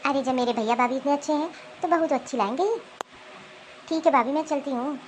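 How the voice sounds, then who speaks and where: A woman voicing a cheerful, forgiving middle-aged aunt in an animated cartoon, talking warmly and reassuringly. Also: high voice, brisk, a little hiss or hum, natural voice, poor audio.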